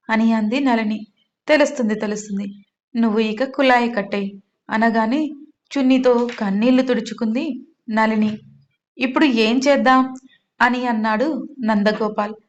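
A woman hosting her own channel, narrating a serialized audio story and reading every character's lines herself with little change of voice. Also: fairly high pitch. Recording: slightly dull, lo-fi sound.

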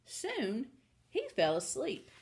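A woman reading a storybook aloud to children in a slow, expressive way. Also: on the high side. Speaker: storytime reader.

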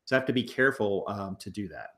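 A man's voice: on the low side, expressive, fast, bright, forceful tone. A man in his thirties co-hosting a casual chat from a living room couch, rambling with fillers and restarts while walking through photos. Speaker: co-host of a reselling channel.

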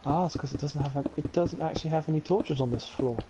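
A man's voice: a little high, fast. A man playing a game with a friend, chatting in a jokey, offhand way and swearing freely. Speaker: co-player on a game stream. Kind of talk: casual gaming chat. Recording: dull lo-fi stream audio with hiss.

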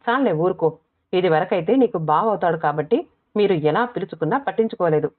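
A woman narrator voicing a fond middle-aged mother who fusses and gently scolds her grown daughter. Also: fairly low pitch, animated, brisk. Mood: scolding. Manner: gentle, fussing, scolding softly. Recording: tinny phone-like audio.

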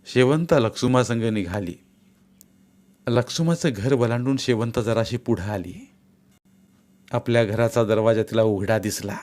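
A male narrator reading a story aloud for an audiobook. His voice sits in an ordinary middle range, and his delivery is steady and expressive. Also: medium pitch, unhurried, pauses often.

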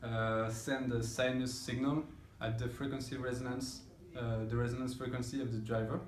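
In an echoey indoor listening room with loudspeakers and some background noise, a man in his thirties informally explains a measurement process as an audio engineer. He hesitates, searching for words. His mid-range voice has a flat delivery and a moderate pace.

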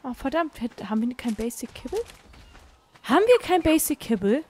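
A woman giving casual gameplay commentary as a let's play gamer, gushing and cooing over cute creatures and repeating words in excitable bursts. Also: high voice, normal speed, slightly rough.

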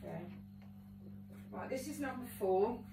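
A woman speaks casually off to the side, offering practical tips and encouragement. She is far from the mic in a roomy home kitchen. Loud clatter of pots and dishes fills the background. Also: on the high side, lively intonation, unhurried, creaky. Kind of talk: casual family chat. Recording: echoey room, distant mic, loud kitchen noise.

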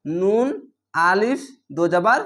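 A man's voice: high voice, animated, a bit bright. Man patiently spelling out recitation. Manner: spells each word letter by letter, then recites it slowly and drawn out; states reading rules briskly and repeats them. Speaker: Quran reading teacher.

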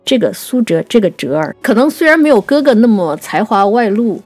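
Over soft background music, a woman co-hosting a poetry programme, herself a writer, talks animatedly about classical literature in a fairly high voice on a dry recording. Her explanations are conversational, but she shifts into slow, measured recitation whenever she quotes.

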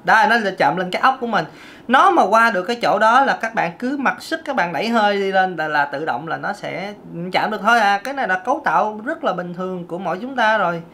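A woman's voice: medium pitch, animated, fast, a bit bright. A woman, a vocal coach giving a casual singing lesson and breaking off to demonstrate vocal sounds.

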